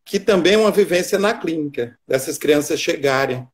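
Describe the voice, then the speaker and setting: Man, Brazilian Portuguese accent, somewhat high pitch, patient explainer, hesitant pauses, live stream guest, video call audio. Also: animated. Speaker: guest expert on child literacy.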